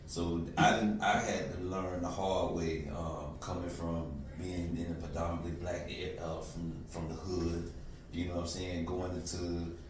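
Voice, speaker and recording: Deep-voiced easygoing male host. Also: little pitch movement. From Florida. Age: 40s. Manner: easygoing, slangy, drawn-out fillers. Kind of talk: casual interview. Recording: echoey room, distant mic, faint noise.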